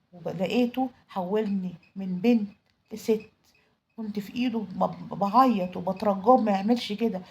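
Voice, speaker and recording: A woman's voice: medium pitch, gravelly, a little mellow, husky. A young Egyptian woman telling a dramatic first-person story in an emotional, confessional way. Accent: Egyptian Arabic. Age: young adult.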